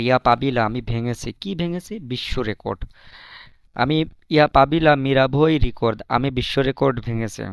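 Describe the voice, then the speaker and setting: A man teaching foreign words, repeating each one several times and pausing with fillers as he explains. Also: mid-range voice, clear, resonant tone, no echo. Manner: repeats each word slowly, many fillers. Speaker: language teacher. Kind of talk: explaining vocabulary.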